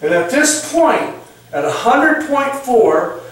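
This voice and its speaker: A man's voice: very high-pitched, big pitch swings, slow, a bit bright. A man giving a live product demonstration, reading temperatures aloud and checking in with the audience with a folksy "okay?". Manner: reads out numbers like an auctioneer. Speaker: product presenter. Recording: echoey room, mic far off.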